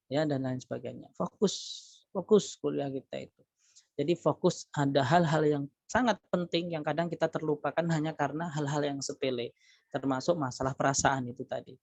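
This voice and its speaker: A man's voice: medium pitch, a little mellow, no echo. A middle-aged man, a lecturer, giving a religious motivational talk to students over a video call, emphatic and preachy, with many rhetorical questions. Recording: dull lo-fi video call audio, dry.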